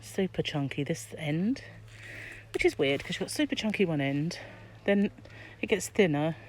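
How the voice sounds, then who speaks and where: A crochet vlogger in a shop aisle, a middle-aged British woman, chats and muses aloud in a fairly low voice with lively intonation and a moderate pace, muffled by her face mask. The casual shopping vlog is shot on a handheld phone from behind the camera, and background noise and shop ambience come through.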